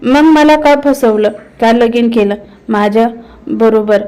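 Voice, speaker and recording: Brief: a hurt young village bride in a storybook, read by a woman, rustic speech, smooth and high. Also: unhurried, dark tone, close to an everyday voice.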